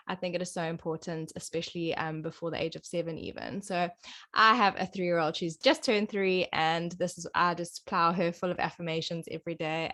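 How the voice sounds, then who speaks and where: A woman with a South African accent talks with earnest enthusiasm as an interview guest. Her voice sits a little low, and she chuckles between thoughts. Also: a bit bright. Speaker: podcast guest, yoga and self-love coach. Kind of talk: casual interview answers.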